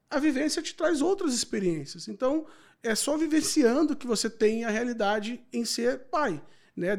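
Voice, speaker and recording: Man in his forties, gravelly, reflective, podcast guest, from Brazil. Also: high-pitched. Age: 40s. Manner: reflective, repeats filler words. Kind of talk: casual interview chat.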